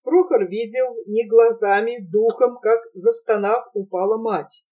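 A woman narrating a literary story in a slow, measured reading, recorded from a distance. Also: a little high, warm tone, muffled recording.

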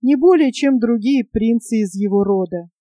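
A woman's voice: on the high side, normal speed, dark tone, no room sound, clean studio sound, natural voice. A woman voicing an earnest, insistent female squirrel in a storybook tale. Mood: sorrowful.

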